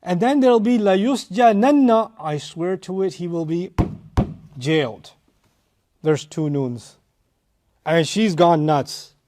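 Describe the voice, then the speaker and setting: A man giving a tafsir lecture, explaining Arabic grammar with animated rises in emphasis, on a lapel mic. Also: fairly high pitch, takes it slowly, pauses often. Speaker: Quran teacher.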